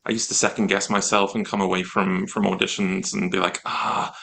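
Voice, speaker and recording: Gravelly-voiced British man, chatty. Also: sits low, fairly quick. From Britain. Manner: chatty, animated, acts out quoted reactions. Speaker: actor guest. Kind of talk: casual interview chat.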